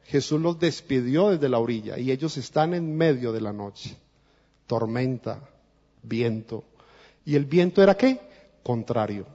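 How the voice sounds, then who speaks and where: His voice is medium-pitched, expressive, a little slow, and dark as he preaches as a guest in a church. He has a Colombian accent and speaks earnestly and directly to the congregation, recorded lo-fi and dull amid the church's reverb.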